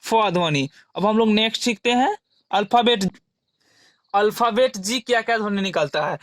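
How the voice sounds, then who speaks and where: Guy teaching letter sounds, pretty high voice, spells out words slow, dry recording. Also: a bit bright, no room sound. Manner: repeats questions and answers them himself; spells out example words slowly. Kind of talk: classroom-style explanation.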